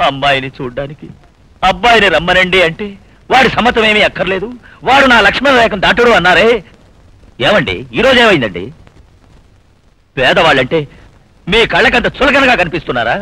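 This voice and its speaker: A man's voice: sits high, sing-song, fairly quick, pauses often, husky, dry recording, full character voice. A man playing a poor father desperately begging for his daughter's marriage in a dubbed film drama. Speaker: pleading father of the bride. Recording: film soundtrack with loud music.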